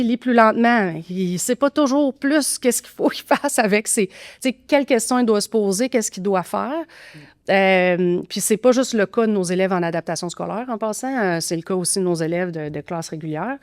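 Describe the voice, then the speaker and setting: A woman's voice: medium pitch, normal speed, darkish tone, dry recording, clean studio sound. A woman with a Québécois accent explaining teaching methods as a podcast guest, thoughtful with frequent fillers and restarts. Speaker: grammar teaching expert guest.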